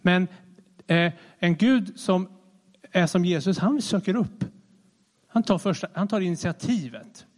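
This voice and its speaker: A man preaching a sermon in a conversational, animated way, often restarting his sentences. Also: high-pitched, pauses often. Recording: long reverb of a large hall.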